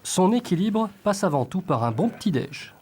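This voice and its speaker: A man reading scripted documentary narration in a measured, smooth way. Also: sits high, very animated, background noise.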